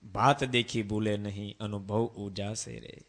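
A man preaching a devotional sermon, asking the audience rhetorical questions and slowly chanting verse refrains. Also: lowish voice, flat delivery.

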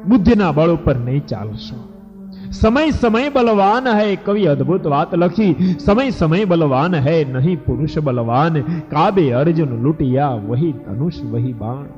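A man's voice: fairly high pitch, expressive, a little slow. A man telling a devotional scripture story as a sermon, dramatic and emphatic, addressing the devotees. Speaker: religious storyteller preacher. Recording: echoey hall, dull lo-fi, faint music.

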